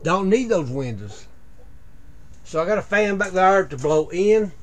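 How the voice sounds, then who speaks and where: A man's voice: high voice, expressive. Plain-spoken man touring his greenhouse. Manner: plain-spoken, lists items with frequent "uh" pauses. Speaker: video creator giving a greenhouse tour. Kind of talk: casual walkthrough vlog. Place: small greenhouse at night, indoors. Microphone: head-mounted action camera.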